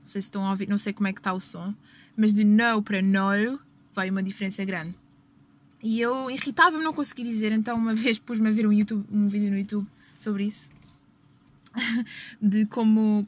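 This is a young woman with a medium-pitched voice and a European Portuguese accent, hosting a podcast while sitting in a parked car. She tells personal stories in a relaxed way, laughs a lot, and keeps correcting herself.

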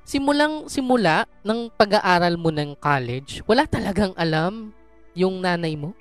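A man's voice: sits high, lively intonation, measured pace, faint music behind. A man hosting an interview, summing up the guest's story and asking follow-up questions. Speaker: interview host. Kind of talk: interview talk.

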